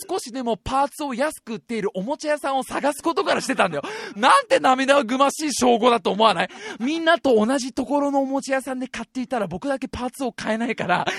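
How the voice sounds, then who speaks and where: A man in his twenties hosting a podcast, telling stories in an animated way and laughing often. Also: very high-pitched, gravelly, no room sound, clean studio sound. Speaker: podcast host. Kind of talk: casual storytelling chat.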